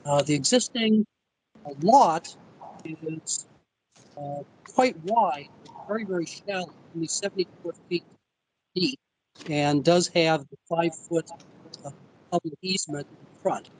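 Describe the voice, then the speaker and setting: A man presenting as an architect to a zoning board over a remote call connection that breaks up, speaking haltingly with many fillers. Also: on the high side, slight background noise, rough recording. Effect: remote call audio, breaking up.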